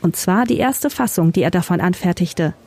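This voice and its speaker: A woman reporter reading a scripted radio feature in a measured, informative way. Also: fairly low pitch, mellow.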